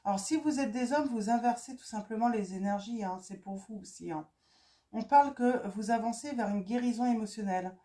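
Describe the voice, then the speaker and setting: Soft, mellow woman reading cards. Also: fairly high pitch. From France. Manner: halting, with many fillers and repeated words. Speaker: tarot card reader. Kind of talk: casual spoken card reading.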